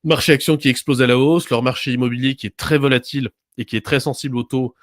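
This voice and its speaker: A man's voice: mid-range voice, steady tone, fast, dry recording. Guy explaining stuff as a guest, lots of restarts, mid voice, dry sound. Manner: explanatory, many fillers and restarts, checks in with "d'accord". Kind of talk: conversational explanation.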